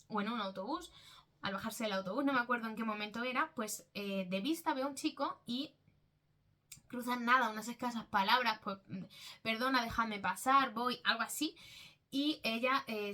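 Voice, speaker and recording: A woman's voice: mid-range voice, sharp tone. Woman, Spain accent, casual book vlogger, chatty, self-correcting. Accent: Spanish from Spain.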